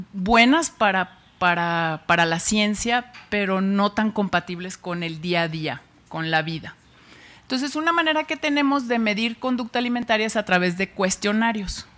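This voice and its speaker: A woman's voice: lowish voice, fairly bright tone. Chatty Mexican woman giving a talk. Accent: Mexican Spanish. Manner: chatty, with frequent fillers and restarts. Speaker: researcher giving a public science talk. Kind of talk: informal public lecture.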